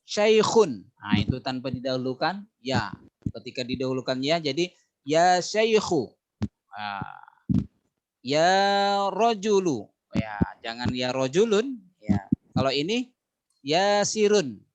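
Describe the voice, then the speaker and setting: A man's voice: medium pitch, sing-song, measured pace, long pauses. Indonesian man teaching an Arabic class. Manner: patient, drills words, stretches out examples. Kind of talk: online class lesson.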